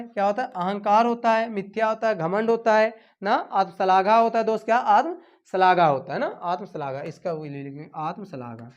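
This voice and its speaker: A woman teaching an exam-prep Hindi lesson, asking "what?" and repeating each answer back as a drill, her voice dropping quietly at the ends of phrases. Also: medium pitch, muffled recording.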